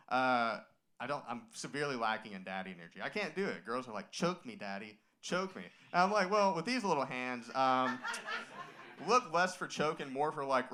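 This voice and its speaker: A man doing a playful, self-deprecating stand-up set in a small comedy venue. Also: mid-range voice. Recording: live room with crowd noise.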